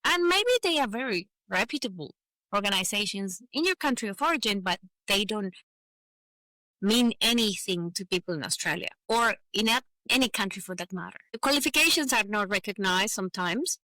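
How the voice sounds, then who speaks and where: A podcast guest who champions migrant professionals talks briskly and expressively in a mid-range, pushed, bright voice. Venezuelan-accented and a native Spanish speaker, she earnestly explains her points in a conversational interview, frequently tacking on "you know." The audio is poor with no room sound.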